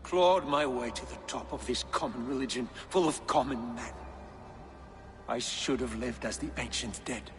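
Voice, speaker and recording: An actor playing a bitter, proud fallen medieval cleric in a video game. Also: male voice, mid-range voice, moderate pace, natural voice. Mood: bitter, resigned. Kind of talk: dramatic video game acting. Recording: long hall reverb, music behind.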